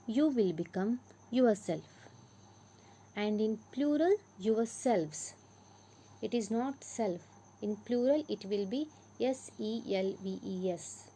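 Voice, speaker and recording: A woman's voice: a little high, a little mellow, breathy edge, poor audio. A woman with an Indian English accent teaching a grammar lesson, patiently repeating and stressing example words.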